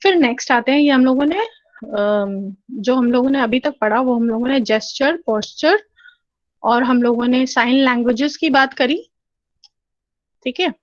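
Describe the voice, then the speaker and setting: Woman lecturer, slightly high voice, dry and dull lo-fi recording. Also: moderate pace, no echo. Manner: explanatory, frequent 'theek hai' check-ins. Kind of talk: recorded lecture over slides.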